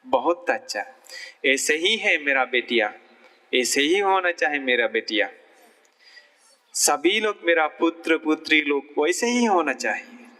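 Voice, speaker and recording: A monk voicing a fatherly calm spiritual teacher. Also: a little high, full character voice. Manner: gentle, approving, fatherly. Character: calm kindly old male spiritual teacher.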